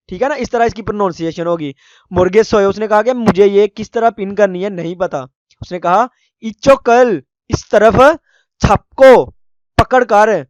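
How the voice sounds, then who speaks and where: A man with a high, smooth voice teaches a language lesson. He sounds out foreign words slowly and repeats them, and he keeps checking in with his listeners. The recording is dry and close. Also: dry recording. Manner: frequent checking-in tag phrases. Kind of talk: explaining a lesson.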